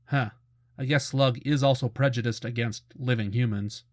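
This cartoon retrospective host, a middle-aged man, delivers laid-back, informative remarks with conversational fan excitement. He speaks at medium pitch and normal speed with a steady, somewhat dark tone, captured in a close, dry studio-quality voice-over.

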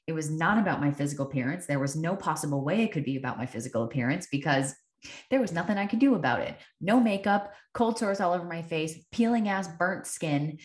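A woman hosting a podcast, telling a personal story in an earnest, reflective way and repeating phrases for emphasis. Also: low voice. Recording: echoey room.

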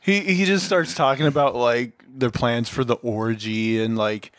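A man's voice: medium pitch, a little slow, dry recording, clean studio sound. A man co-hosting a casual film review podcast, retelling the plot in a rambling way with lots of fillers and restarts. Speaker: podcast co-host.

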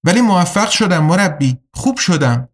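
A woman's voice: fairly low pitch, big pitch swings. A man doing a determined young woman. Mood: earnest.

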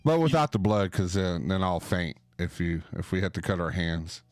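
A man's voice: deep voice, animated, normal speed, no echo. A man hosting a casual talk show, joking and playful, often slipping into mock voices. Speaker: podcast host. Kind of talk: lively casual chat.

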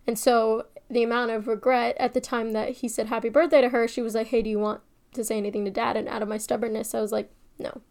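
A young woman telling a personal family story, emotional and shifting between hushed and excited. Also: a little high, fast talker, hardly any pauses. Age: young adult.

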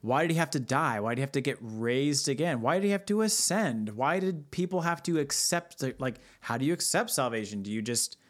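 A man's voice: medium pitch, animated, a little fast, hardly any pauses. A man co-hosting a podcast in casual chat, joking and swearing, laughing often. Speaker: podcast co-host.

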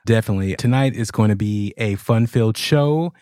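Low-voiced man hosting a podcast, dry sound. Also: fairly quick, warm tone, clear, resonant tone, no room sound. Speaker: podcast host. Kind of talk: casual chat.

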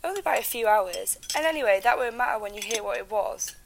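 A woman's voice: fairly high pitch, lively intonation, fast talker, vocal fry, a little hiss or hum. A British woman playing an affectionate, eager wife and mother calling home news in an audio drama. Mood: excited.

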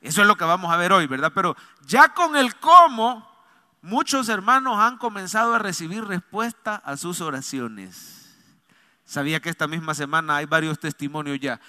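A man's voice: high voice, bright, forceful tone, big-room sound. A man preaching a sermon as pastor, fervent and calling on the congregation to answer and repeat after him. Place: church hall.

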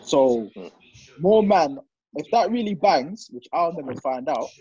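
A young man with a London roadman accent and a husky voice, bantering bluntly in street slang and repeating himself for emphasis. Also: on the high side, animated, unhurried, warm tone, no echo, dull audio. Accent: London, urban street slang. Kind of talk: casual group banter.

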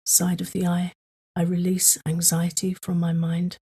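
Soft, breathy woman guiding calm tapping. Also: fairly low pitch. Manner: slow, soothing, repetitive prompts. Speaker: tapping guide. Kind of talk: guided tapping meditation for sleep.

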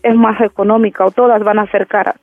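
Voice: mid-range voice, level tone, fast talker, no room sound. A caller asking questions on a radio show, hesitant and searching for words, over a phone line. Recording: tinny phone line with faint music.

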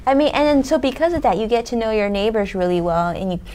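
A woman's voice: fairly high pitch, lively intonation, fast talker, warm tone. Enthusiastic woman podcast host. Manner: enthusiastic, eager questions. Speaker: show host. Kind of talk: interview hosting.

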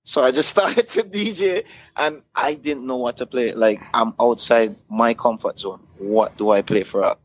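Here a Caribbean DJ, interviewed as a guest, spins casual stories and acts out the exchanges, speaking at medium pitch and a moderate pace. It's a muffled recording made in a noticeably noisy room.

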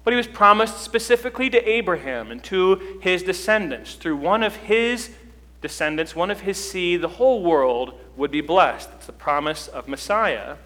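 Pastor preaching in a reverberant church. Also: male voice, high-pitched, lively intonation, moderate pace, bright, forceful tone. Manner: conversational preaching, rising emphasis. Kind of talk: sermon. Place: church sanctuary.

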